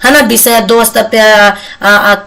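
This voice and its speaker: A woman's voice: a little high, flat delivery, measured pace, creaky, sharp tone, recorded from a distance. A woman tutor giving a casual exam-prep lecture, chatty and repetitive, often adding tag questions and slipping English words into her explanations.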